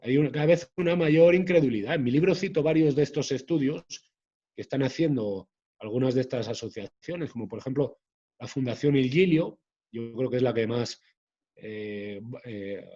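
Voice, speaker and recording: A man, a guest author talking in an interview in a measured way, often restarting his phrases. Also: medium pitch, warm tone, lo-fi sound. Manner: measured, hesitant with frequent restarts. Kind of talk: conversational interview.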